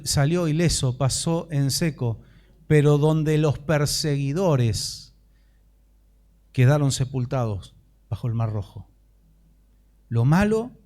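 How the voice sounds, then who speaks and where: Fervent preaching man, somewhat high voice. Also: a little mellow. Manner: impassioned preaching, rising to fervent prayer. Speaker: pastor. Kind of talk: sermon.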